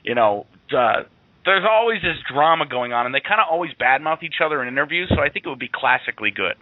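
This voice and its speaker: A man's voice: fairly high pitch, animated, fast talker, no room sound. A man co-hosting a radio talk show, chatting casually and laughing easily. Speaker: co-host. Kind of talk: casual chat. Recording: tinny phone-like line, dry.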